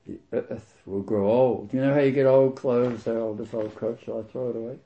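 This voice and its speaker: Male preacher, mid-pitched, emphatic and deliberate with scripture, on a dull lo-fi recording. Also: fairly even intonation, dark tone. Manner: emphatic, slows down to stress key words; reads scripture aloud and comments on it. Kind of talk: sermon.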